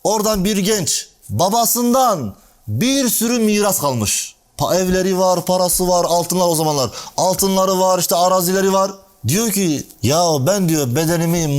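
High-pitched man telling a religious tale. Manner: animated storytelling, acting out dialogue with shifting pitch; addresses listeners directly by name. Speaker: preacher. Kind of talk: storytelling religious talk.

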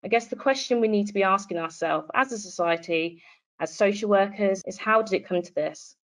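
A woman reading a scripted narration in a calm, steady delivery. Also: medium pitch, a little fast, poor audio.

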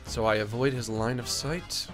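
A man's voice: mid-range voice, moderate pace, over music. A man giving casual, playful video game commentary, often silly and repeating himself.

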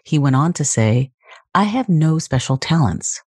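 A woman's voice: low voice, animated, a little slow, darkish tone, breathy edge, no echo, studio quality. A woman hosting a podcast, reading a polished introduction and then chatting eagerly with fillers. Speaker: podcast host. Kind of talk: scripted intro then interview chat.

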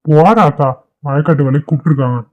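A man's voice: on the high side, steady tone, fast talker, natural voice. A man voicing a shy, lovesick young village man in a cartoon, talking nervously. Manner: nervous, yearning. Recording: dull lo-fi cartoon audio.

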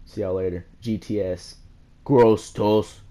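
A young man giving loud, hyped, slangy commentary over his own basketball gameplay as a channel host. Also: fairly low pitch, fairly even intonation, takes it slowly. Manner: hyped, shouting bursts, slangy trash talk.

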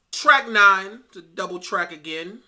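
A young man hosting a music reaction, talking casually in an animated, profane way and laughing often. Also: high-pitched, vocal fry.

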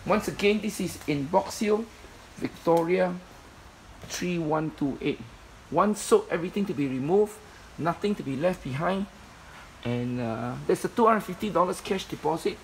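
This man sells off a storage unit, narrating a walkthrough indoors while holding his phone camera. He sounds matter-of-fact and animated, with a fairly high, fry-tinged voice at normal speed, reeling off items plainly amid many fillers. The recording is low quality, with faint background noise.

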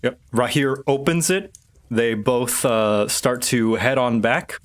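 A man narrating as game master in a tabletop game, casual and halting. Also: mid-range voice.

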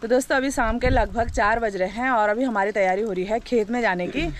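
A young woman from Uttarakhand talks in a bright, high voice, chatty and teasing as she vlogs. Her phone picks up some outdoor noise behind her. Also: brisk. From Uttarakhand, India. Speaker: vlogger. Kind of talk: casual vlog narration. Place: village outdoors.

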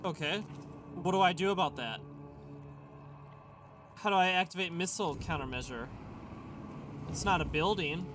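A man giving casual, expressive commentary as he plays a video game, often talking to the game in exasperation. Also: high voice, moderate pace, long pauses, over music. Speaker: gamer, let's play host. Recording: clear game noise behind. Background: game sound effects and ambience.

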